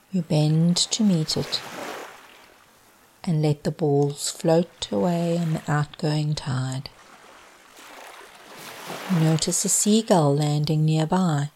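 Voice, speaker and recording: Slow, soothing low-voiced woman. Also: a little hiss or hum. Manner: slow soothing hypnotic delivery, soft at times. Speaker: guided meditation narrator. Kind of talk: guided sleep meditation.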